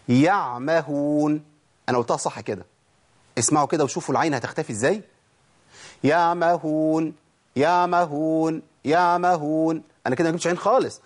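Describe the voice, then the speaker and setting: A man with an Egyptian Arabic accent teaching Quran recitation, asking questions and answering them himself, and drawing out sounds slowly to demonstrate them. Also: a little high. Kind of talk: spoken lesson on pronunciation.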